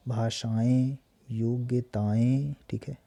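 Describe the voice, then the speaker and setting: A man teaching an exam-prep spelling lesson, reading out word after word in a steady, repetitive drilling manner. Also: mid-range voice, takes it slowly, vocal fry, dry recording.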